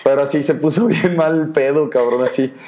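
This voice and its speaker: A man's voice: a little high, fairly quick. Slangy Mexican man telling stories. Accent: Mexican Spanish. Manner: slangy and profane, animated storytelling with many fillers. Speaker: podcast host. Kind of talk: casual chat.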